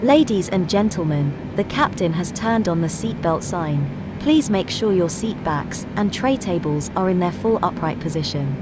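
A woman voicing a flight attendant who reads a polite, formal cabin announcement in an even tone. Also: close to an everyday voice. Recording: steady engine rumble behind.

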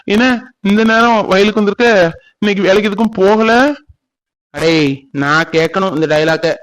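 Man doing a nosy older village guy, high and loud, prying questions. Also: fairly even intonation, moderate pace, clean tone.

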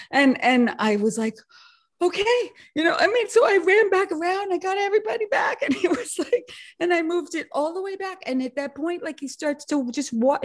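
A woman on a video call sharing a personal story with a group, laughing often as she talks. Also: high-pitched. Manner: animated, laughing often, many restarts. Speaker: satsang participant sharing a story.

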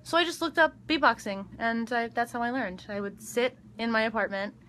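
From a backstage dressing room, a young woman answers fan questions on a phone livestream, chatty with frequent ums and giggles. Her voice is fairly high, brisk and a bit bright, with slight background noise.

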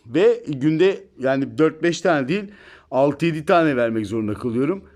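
A man's voice: fairly high pitch, expressive, moderate pace, a little mellow. Chatty man filming his cat at home. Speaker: pet vlogger. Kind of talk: casual home video chat. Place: home, indoors.

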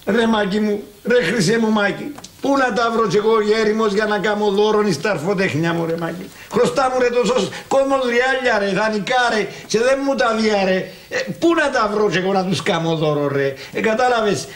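An actor playing a stingy, grumbling old uncle in a sitcom, speaking with a Cypriot Greek accent and theatrical exasperation. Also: male voice, sits high, few pauses, close to an everyday voice. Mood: grumbling refusal. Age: older. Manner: exasperated, theatrical sighing and cursing. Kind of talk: TV sitcom acting.

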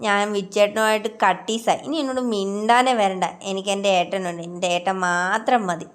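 A woman's voice: medium pitch, steady tone, a little fast, close to an everyday voice. Woman reading as a teasing, sulky young woman, babyish pleading, slightly raised voice, storybook reading. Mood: pouting. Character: playful childlike young woman, pouting and teasing.

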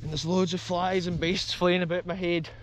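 Filming himself on an action camera held close, a Scottish explorer vlogger in his thirties eagerly gives walking-tour commentary in an open grassy field, addressing viewers as folks. His voice sits high with little pitch movement at a moderate pace, and there's a little hiss or hum.

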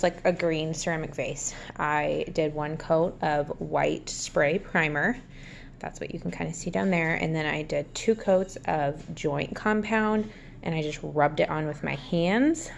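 Chatty woman with a gravelly edge. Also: deep voice, fairly bright tone, slight background noise. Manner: chatty, lots of "um" and "like", light laughs. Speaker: DIY crafter. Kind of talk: casual DIY vlog narration. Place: outdoors at a patio table. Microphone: phone held in one hand.

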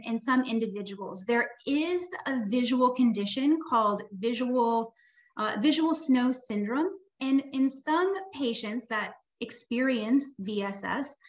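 A woman audiologist presenting on a video call webinar, explaining in a steady, informative way. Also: fairly high pitch. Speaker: audiologist and tinnitus specialist.

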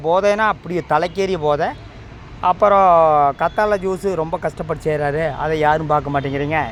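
A man's voice: a little high, a little hiss or hum. A man giving opinionated commentary as a channel host, critical, admonishing and repeating his points.

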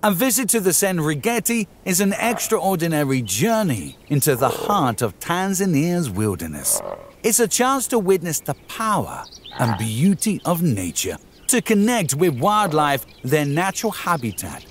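Lively nature-documentary man over outdoor noise. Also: on the high side. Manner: measured, formal nature-documentary delivery. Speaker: narrator. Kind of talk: scripted nature documentary narration.

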